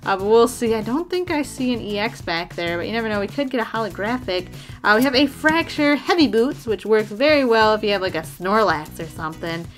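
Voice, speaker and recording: Excitable female unboxing host, slightly high voice, faint music under her. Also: brisk. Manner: bubbly, chatty, excitable, addresses viewers as "you guys". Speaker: trading card unboxing host. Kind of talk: casual unboxing commentary.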